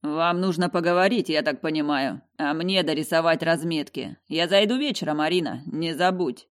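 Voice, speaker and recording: A woman voicing a friendly, gently bossy male elf in a fantasy audiobook. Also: sits low, moderate pace, close to an everyday voice. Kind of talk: audiobook character voice.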